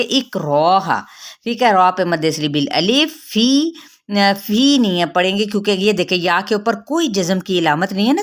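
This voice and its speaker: Patient woman teaching Quran recitation. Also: lowish voice. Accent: Pakistani Urdu. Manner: patient, repeats and stretches Arabic words to demonstrate. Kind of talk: tajweed lesson, explaining rules then reciting slowly.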